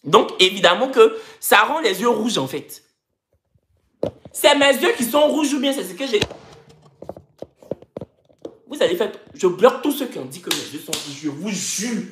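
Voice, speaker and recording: A woman's voice: mid-range voice, very animated, a little slow, pauses often, slight background noise. A woman, hosting a live stream and ranting to her viewers in a mocking, theatrical way. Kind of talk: animated live-stream rant. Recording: echoey room.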